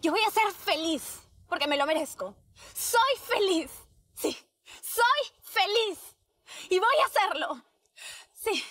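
A woman's voice: a little high, expressive, takes it slowly, pauses often, husky, no room sound, studio quality, full character voice. An actress playing an earnest, lovelorn young woman in a TV drama. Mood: anguished resolve. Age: 20s. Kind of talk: TV drama acting.

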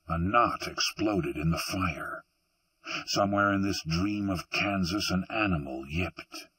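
A male audiobook narrator reads in a measured, deliberate way, his voice low and husky. The recording is dry and set back from the microphone. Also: fairly bright tone, no room sound, recorded from a distance, low-quality recording. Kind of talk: scripted narration.

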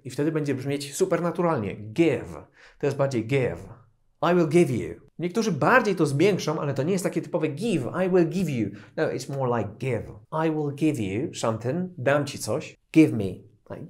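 A man teaching English pronunciation in a casual spoken lesson, explaining patiently and repeating example phrases slowly. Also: fairly high pitch, darkish tone.

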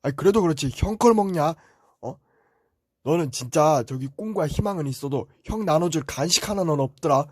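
A man playing a nagging older brother, husky. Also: fairly high pitch, animated, moderate pace, darkish tone, no room sound, studio quality. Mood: scolding. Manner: nagging, rambling scolds. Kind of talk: amateur voice drama.

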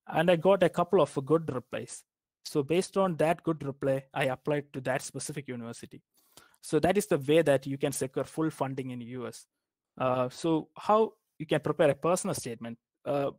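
A young man from Kerala, India, talks through academic career advice in a halting, filler-heavy way. His voice sits at an ordinary middle pitch. The recording is dry and close, with no room sound. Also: a little mellow, no echo. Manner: hesitant, many fillers and restarts. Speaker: guest speaker. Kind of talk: informal academic advice talk.

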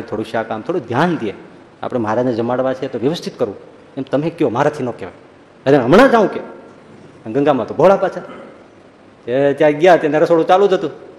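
A man giving a humorous religious talk, telling anecdotes in a lively storytelling way and acting out the people in them. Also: a little high. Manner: storytelling, animated, acts out quoted voices. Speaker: preacher. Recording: long hall reverb.

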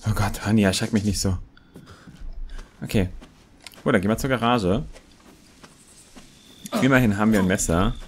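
A young man quietly commenting as he plays a horror game, hesitant and thinking aloud. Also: on the low side, normal speed, long pauses, a little hiss or hum. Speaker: let's player. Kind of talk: gameplay commentary.

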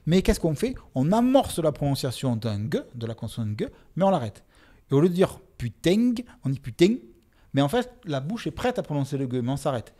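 A man with a Marseille accent, a sociolinguist guest, explaining pronunciation in a lively, expressive way and voicing examples aloud. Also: a little high, fairly quick. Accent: Marseille French. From Marseille, France. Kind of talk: casual explanatory interview.

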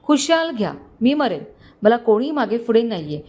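A woman voicing a cocky, scheming young male con man who speaks calmly and mockingly. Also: on the high side, normal speed, lo-fi sound. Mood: smug. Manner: calm, mocking, smug.

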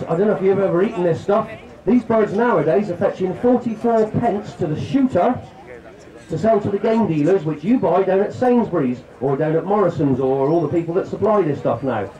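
A man's voice: high voice, warm tone, roomy sound, lo-fi sound. A man giving a jokey, chatty shooting demonstration to a crowd at an outdoor country show. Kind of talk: outdoor live demonstration talk.

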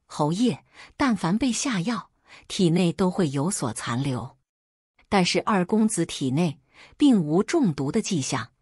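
A woman voicing a grave, elderly court physician who speaks in a measured, formal way, in a storybook reading. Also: on the low side, sing-song, a little mellow, husky, no room sound, studio quality, full character voice.

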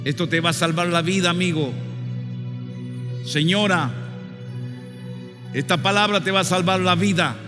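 A male preacher delivering a fervent sermon, pushing into shouted call-and-response and then dropping to low, earnest appeals. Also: moderate pace, pauses often. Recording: long hall reverb with faint music.

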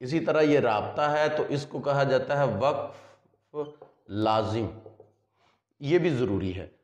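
A man's voice: medium pitch, highs cut off. Man teaching in an echoey room. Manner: explains slowly with repeated examples. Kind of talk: classroom lecture.

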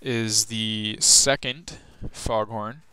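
A man's voice: fairly low pitch, fairly even intonation, drawn-out words, pushed and bright, smooth. A teenage guy casually narrating a gameplay walkthrough, rambling loosely with lots of fillers and restarts. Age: teens. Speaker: gaming video host.

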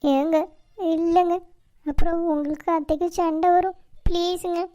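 Woman voicing a shy young cartoon wife, high voice, begging softly. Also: flat delivery, moderate pace. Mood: pleading. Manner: pleading, hesitant. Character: meek young wife, anxious and tearful. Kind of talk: cartoon voice acting.

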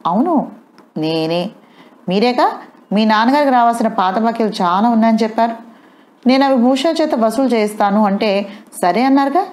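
A woman's voice: fairly high pitch, expressive, brisk, darkish tone, voice pushed up, lightly acted. A woman voicing a scheming young wife who challenges her husband in a matter-of-fact way. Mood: challenging.

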